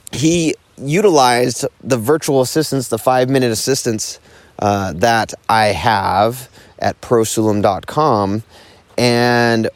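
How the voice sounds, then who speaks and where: A man hosts his own podcast in an easy, excited chat, his voice swinging up and down. The sound is dry and close, with no room around it. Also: no echo. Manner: enthusiastic, lively swings in pitch. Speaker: podcast host. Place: at a home property in California.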